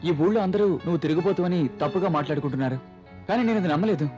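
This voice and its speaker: A man's voice: sits high, lively intonation, rapid-fire, highs cut off, over music. An actor playing a brash, lovestruck young man in a comedy film, bossy with his friends. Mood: earnest.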